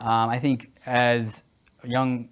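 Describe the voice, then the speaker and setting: A man in his forties answering interview questions casually, hesitant with many fillers, and animated at times. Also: medium pitch, slow pace, clean tone. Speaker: guest, security executive.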